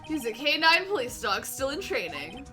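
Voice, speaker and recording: A woman reading the lines of a gruff, loyal male police detective aloud while playing a game, with a folksy habit of calling everyone pal. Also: high-pitched, big pitch swings, normal speed, bright, forceful tone, faint music behind, exaggerated voice.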